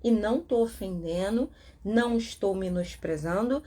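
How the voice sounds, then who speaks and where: A woman's voice: medium pitch, normal speed. A Brazilian woman hosting a live talk on codependency, asking herself rhetorical questions and acting out the voices of others. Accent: Brazilian Portuguese. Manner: animated, rhetorical, acts out quoted voices. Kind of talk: casual live talk about a self-help book.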